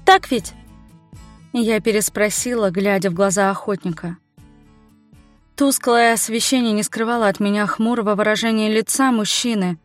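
A woman reading a first-person fantasy novel aloud as an audiobook narrator, in an even, measured way. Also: medium pitch, no echo, clean studio sound.

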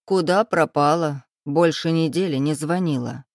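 A woman putting on a slow, sighing old grandmother. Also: sits low, a little mellow, dry recording, studio quality. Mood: fussing. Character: fussing elderly village grandmother, doting.

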